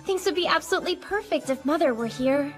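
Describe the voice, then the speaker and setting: An affectionate, bubbly anime teen girl. Her voice is extremely high and very animated, gushing over background music. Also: quick pace. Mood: wistful excitement. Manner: gushing, expressive. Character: bubbly, girlish, affectionate well-off teenage daughter. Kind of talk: English anime dub acting. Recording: music behind the voice.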